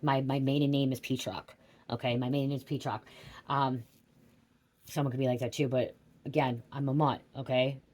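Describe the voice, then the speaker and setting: Speaking at normal speed with fairly even intonation, a middle-aged woman with a very deep, slightly mellow voice does a rambling psychic tarot reading on a casual livestream. She loses the thread, curses freely, and asks "okay?" again and again.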